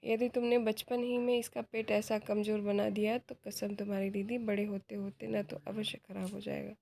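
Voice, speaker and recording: A woman's voice: medium pitch, little pitch movement, normal speed, gravelly, mellow, natural voice. A woman reading aloud the part of a cheerful, indulgent young uncle in a play. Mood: teasing.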